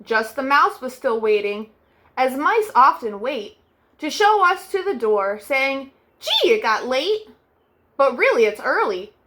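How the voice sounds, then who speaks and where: Her voice sits high and very animated as this young woman hosts children's storytime, reading picture books gently in sing-song fashion with soft, drawn-out refrains.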